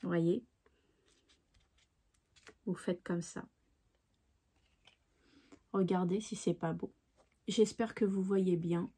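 A woman's voice: on the low side, steady tone, takes it slowly, pauses often, warm tone, slightly rough. A woman hosting a craft tutorial, chatting casually and thinking aloud with fillers. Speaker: craft channel host.

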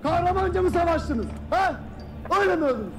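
An actor playing a stern army commander who scolds and shouts orders at his soldiers in a film drama. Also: very high voice, animated, fast talker. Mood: shouting, furious. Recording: film audio with loud music score.

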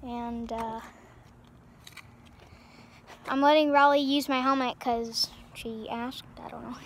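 Young woman, high voice, rambling casual vlog, outdoors on a street, faint background noise. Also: fairly even intonation, slow. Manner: rambling, many fillers and restarts. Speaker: vlogger.

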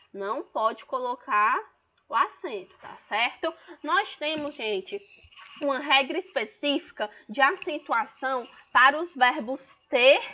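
A woman's voice: high voice, bright, forceful tone, dull audio. A woman teacher giving an online grammar lesson, explaining patiently and drawing out example words for stress.

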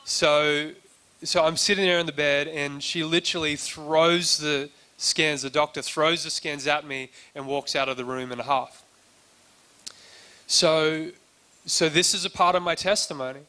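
A man preaching in an easy, chatty sermon voice, bright and crisp in tone. He tells his story with little rise and fall in pitch, acting out the lines he quotes. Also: fairly even intonation, unhurried. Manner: conversational, acts out quoted dialogue, frequent restarts. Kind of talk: sermon testimony.

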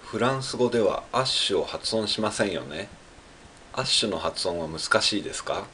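A man from Japan, a French learner with a Japanese accent, practices on his own, carefully drilling French syllables one by one and repeating them in Japanese. His low-ish voice sounds pushed and bright, with lively intonation at normal speed. Slight background noise is audible.

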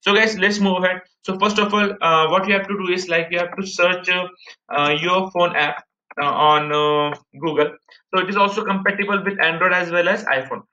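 In this screen-share tutorial, an Indian-accented man in his thirties explains things casually and repetitively, step by step, addressing his audience as "guys." He speaks at a normal speed in a high, steady, pushed and bright voice. The audio is muffled and echoes like a room recording.

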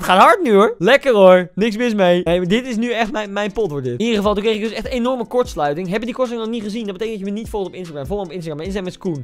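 A young man with a Netherlands Dutch accent commenting on his own football game, excitable and self-mocking, shouting at big moments. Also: sits high. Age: young adult. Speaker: gaming YouTuber. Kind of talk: gaming commentary.

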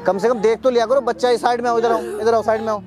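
Fast-talking young man in a park. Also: extremely high pitch, level tone, a crowd in the background. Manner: urgent, scolding, talks fast with many repeats. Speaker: YouTube creator. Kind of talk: outdoor prank-style vlog. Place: outdoor public park.

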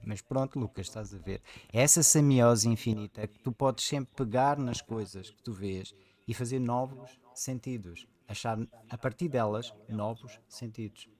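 A man talks in an eager, animated way as he explains ideas during an informal lesson. His voice sits at an ordinary middle pitch, and he speaks like a relaxed teacher working through a reading with a young listener. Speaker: reading group leader. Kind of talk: informal teaching chat with a child.

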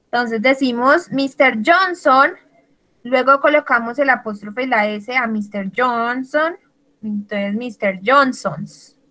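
Slow, deliberate woman teaching English. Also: on the high side, pushed and bright, rough recording. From Latin America. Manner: slow, deliberate, spells words letter by letter. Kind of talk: bilingual online English lesson.

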